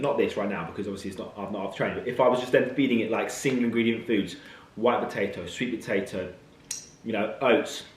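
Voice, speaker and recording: A man's voice: mid-range voice, reverberant. A man, a fitness coach talking casually to camera, chatty and blunt. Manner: chatty, blunt, matter-of-fact. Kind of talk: casual vlog talk to camera.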